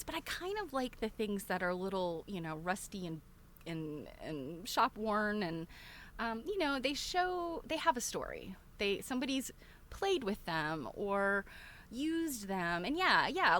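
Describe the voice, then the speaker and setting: Chatting with her regular viewers, a woman streamer rambles along conversationally and laughs often. Her voice is medium-pitched with a fairly bright tone, and a little hiss or hum can be heard.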